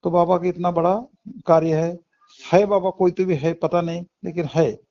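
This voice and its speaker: A man's voice: high-pitched, fairly even intonation, moderate pace, warm tone. A middle-aged man with a Marathi-influenced Hindi accent, earnestly telling a personal spiritual testimony with frequent restarts. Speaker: devotee sharing a testimony. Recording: dull lo-fi recording.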